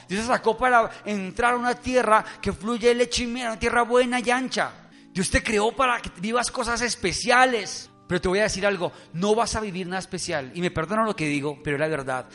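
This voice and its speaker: A man preaching an animated sermon as pastor, breaking into playful voices for Bible scenes. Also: sits high. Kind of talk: lively sermon.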